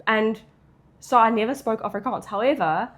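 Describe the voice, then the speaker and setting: A woman's voice: fairly high pitch, normal speed, fairly bright tone. A woman with a South African English accent, chatting casually as she answers questions as a content creator. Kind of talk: casual Q&A chat.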